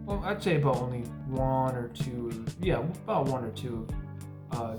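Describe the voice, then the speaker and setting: A man's voice: medium pitch, echoey room. A young man giving a casual spoken movie review, rambling with many fillers and restarts and cursing bluntly.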